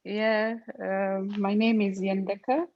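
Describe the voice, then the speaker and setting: A woman's voice: mid-range voice, little pitch movement, takes it slowly. A woman in her forties introducing herself on a video call, speaking hesitantly and searching for words. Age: 40s. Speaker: webinar participant. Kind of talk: casual self-introduction. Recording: dull lo-fi call audio.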